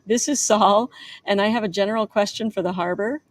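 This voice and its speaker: A woman's voice: medium pitch, animated, normal speed, dry recording, close to an everyday voice. A woman reading aloud the lines of a pushy man calling on a boat radio, her quoting voice slightly raised. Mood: insistent.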